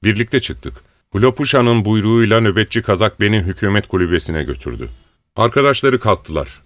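A man narrating an audiobook in a measured, storytelling manner. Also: lowish voice, dry recording.

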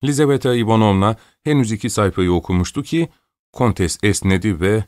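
A man narrating an audiobook in a steady, measured storytelling manner. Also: fairly low pitch, no room sound, clean studio sound. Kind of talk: audiobook reading.

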